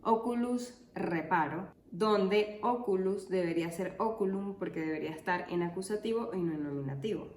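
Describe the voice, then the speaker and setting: A woman explains language topics casually, slipping in dry, deadpan jokes. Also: fairly low pitch, brisk, few pauses, reverberant. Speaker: linguistics educator. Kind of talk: casual educational video.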